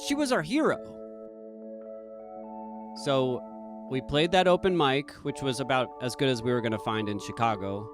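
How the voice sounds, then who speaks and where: Brief: male storyteller from Boston, self-deprecating, bouncing pitch, a bit high, faint music underneath. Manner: animated, self-deprecating, emphatic. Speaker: storyteller, podcast host. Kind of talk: personal storytelling.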